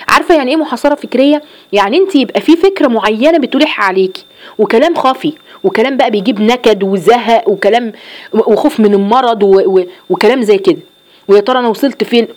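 Egyptian woman giving a religious lesson, talks super fast, kinda high voice, lots of questions back at the listeners. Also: a little mellow. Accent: Egyptian Arabic. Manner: earnest, rapid, rhetorical questions. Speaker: religious teacher.

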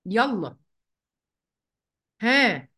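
A woman's voice: a little high, big pitch swings, pushed and bright, breathy edge. Egyptian woman teaching Quran recitation. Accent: Egyptian Arabic. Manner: explains step by step, asks the class questions; draws out the recited words slowly. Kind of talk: online tajweed lesson. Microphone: computer mic, writing with a mouse.

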